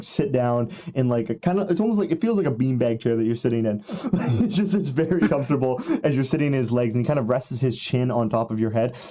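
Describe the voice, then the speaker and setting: A man's voice: mid-range voice, mellow. A man narrating as game master of a tabletop game, rambling with many fillers and laughing at his own jokes.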